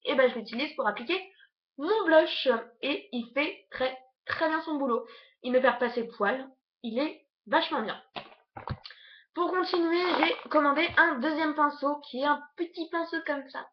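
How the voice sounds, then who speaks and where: A young woman, a beauty vlogger, rushing through a casual makeup haul on her bed at home, chatting with lots of fillers. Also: high voice, lo-fi sound. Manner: hurried, chatty, many fillers. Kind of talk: casual product review.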